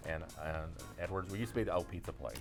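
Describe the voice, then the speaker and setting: Deep-voiced man chatting casually. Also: fast talker, creaky, over music. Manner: folksy, repeats himself, trailing phrases. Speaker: florist guest demonstrating arrangements. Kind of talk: casual chat and demonstration.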